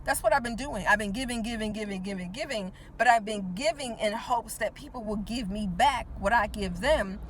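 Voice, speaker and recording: At a moderate pace with few pauses, a medium-pitched woman in her forties talks to the viewer casually and motivationally. She's a teacher and motivational speaker who checks in with "right?" and repeats words for emphasis, and there's slight background noise.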